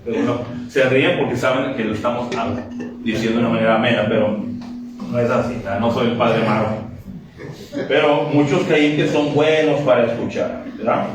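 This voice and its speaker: A man preaching a lively, joking sermon, acting out quick dialogues to his congregation. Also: mid-range voice, crowd noise. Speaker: pastor. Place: church sanctuary. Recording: very echoey church from a distance.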